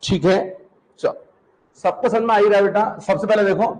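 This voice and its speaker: A man teaching a class, repeating each term slowly so students can write it down, asking questions and answering them himself. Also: high-pitched, steady tone, darkish tone, low-quality recording. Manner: repeats terms for students to copy, asks and answers questions, calls students 'beta'. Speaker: Hindi teacher. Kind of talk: classroom lecture.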